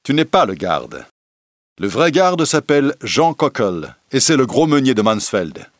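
A man's voice: mid-range voice, sing-song, unhurried, no room sound, clean studio sound, pitched above the performer's own voice. A man voicing a bold, cheerful young male outlaw leader in a storybook reading, speaking in a raised, eager way. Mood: knowing.

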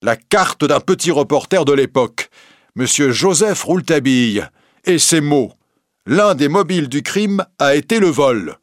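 A man voicing an excitable, indignant investigating judge in an audiobook reading, exclaiming in a raised voice. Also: a little high, unhurried, no echo, studio quality, voice pushed up.

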